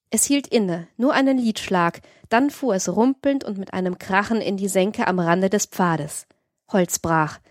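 A woman narrating an audiobook excerpt as a podcast reader, with a steady, measured delivery. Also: mid-range voice, dry recording, studio quality.

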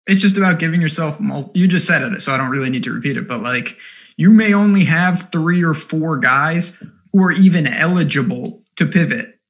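A man co-hosting a fantasy basketball strategy show, talking casually in quick, animated bursts with lots of fillers. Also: fairly high pitch. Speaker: co-host of a fantasy sports show. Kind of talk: casual analytical chat.

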